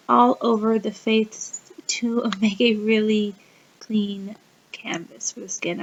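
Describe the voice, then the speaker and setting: A woman with a sick-sounding voice, chatting through a casual makeup tutorial as a beauty vlogger and laughing often mid-sentence. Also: on the high side. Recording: dull, slightly muffled lo-fi recording.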